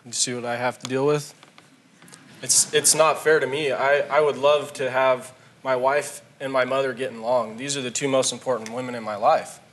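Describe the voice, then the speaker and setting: Young guy, earnest and a bit halting, guest on a talk show. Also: medium pitch, level tone, a bit bright. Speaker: guest, husband.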